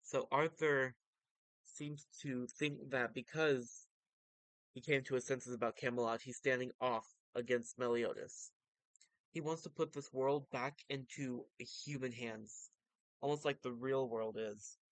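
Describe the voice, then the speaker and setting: Smooth-voiced man giving casual manga commentary. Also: medium pitch, steady tone, unhurried, fairly bright tone, dry recording, poor audio. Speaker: vtuber reading and commenting on manga.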